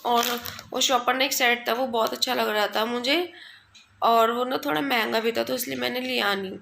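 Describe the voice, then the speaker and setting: A woman's voice: fairly high pitch, fairly even intonation, normal speed, gravelly, fairly bright tone, a little hiss or hum. A young woman chatting casually at home for her family vlog, rambling along and often quoting her husband. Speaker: family vlogger. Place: at home indoors.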